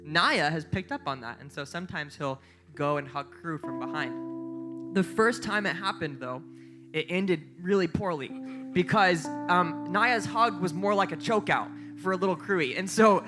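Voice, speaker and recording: A young adult man preaching a sermon as pastor, telling stories in a lively way and jumping up in pitch when he acts out lines. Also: normal speed, music in the background. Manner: lively storytelling, voice jumps up for quoted lines.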